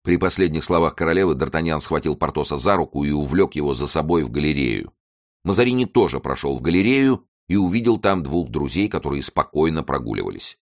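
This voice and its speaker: A man narrates an audiobook with a very deep voice. His reading is measured and dramatic, and it stays steady from line to line. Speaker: audiobook reader. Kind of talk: scripted narration.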